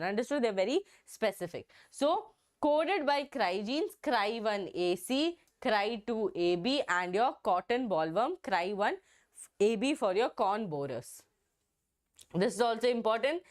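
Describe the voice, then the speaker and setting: A young woman with a hoarse, strained voice from a throat infection, teaching an exam-prep biology lesson and repeating herself with frequent "okay"s. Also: a little high. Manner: repetitive, checks in with "okay".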